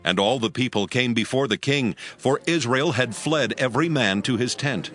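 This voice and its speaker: A male narrator reading scripture in a steady, grave storytelling manner for a dramatized production. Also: medium pitch, moderate pace. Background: music.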